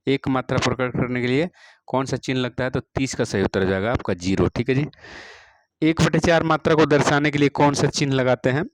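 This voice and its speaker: A man at a middle pitch takes students through practice exam questions on music. He says each question twice and settles every answer with a steady "all right". His voice sounds close and dry, with no room echo. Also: a little fast. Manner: repeats each question, fills with "theek hai ji". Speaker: music teacher.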